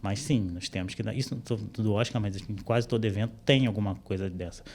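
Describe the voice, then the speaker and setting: A man speaking Brazilian Portuguese, a guest interpreter on a podcast, explaining things in a relaxed way with frequent fillers, recorded on a studio microphone. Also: on the low side, brisk, slight background noise. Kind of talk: casual interview chat. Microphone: studio microphone with headphones.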